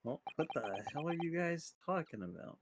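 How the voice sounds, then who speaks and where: Jokey man with lively pitch. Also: background noise. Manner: quick jokey interjections. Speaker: friend in the stream.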